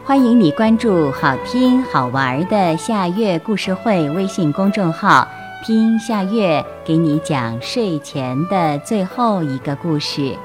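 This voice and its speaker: Woman, bedtime storyteller; gentle and coaxing, slow and very animated. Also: lowish voice, music in the background. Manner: gentle, coaxing tone addressing children. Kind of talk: children's bedtime story narration.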